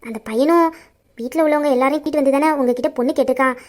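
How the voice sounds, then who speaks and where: A woman's voice: sits high, fairly even intonation, racing, natural voice. A woman voicing an emphatic, doting middle-aged mother-in-law in an amateur audio drama. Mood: persuasive. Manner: emphatic, persuasive.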